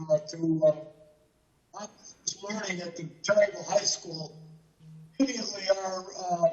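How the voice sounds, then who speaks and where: A man's voice: high voice, reverberant, low-quality recording. A man giving a remote presentation to a board over a video call that keeps cutting in and out, talking hesitantly with many fillers and restarts. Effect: video call audio breaking up, cutting in and out. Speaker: energy conservation presenter.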